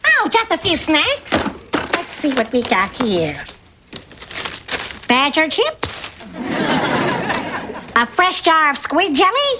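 An eccentric, gleeful sitcom character. She savors her words slowly in a very animated sing-song, with loud noise behind her. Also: high voice, full character voice. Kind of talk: broad sitcom acting.

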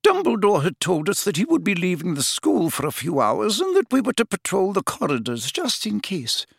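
A man's voice: sits high, huge pitch swings, moderate pace, creaky, breathy edge, no room sound, studio quality, voice pushed up, full character voice. A man voicing an older, stern woman professor in an audiobook, shocked and tearful, with a faint, wavering, distracted manner. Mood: confused, distracted.

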